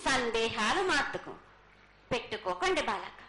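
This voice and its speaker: A woman's voice: on the high side, very animated, moderate pace. A woman speaking as an oracle in a prophetic trance, chanting repetitive blessings in the voice of a goddess. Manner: incantatory, repetitive, declaring blessings in first person as a goddess. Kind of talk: prophetic trance oracle pronouncement at a temple festival. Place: live temple festival ceremony. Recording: echoey live festival sound, faint noise.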